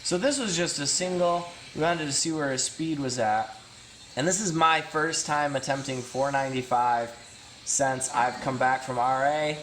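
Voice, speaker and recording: A man's voice: medium pitch, moderate pace, a bit bright, slight background noise. A man in his thirties talking casually about his training and commenting on workout footage, rambling and self-deprecating, with many fillers and restarts. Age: 30s. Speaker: vlogger and strength athlete.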